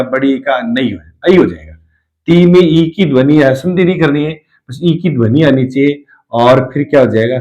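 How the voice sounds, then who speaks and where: A man's voice: on the high side, rough recording. A male lecturer explaining spelling rules in a classroom lesson, repeating each rule and asking rhetorical questions.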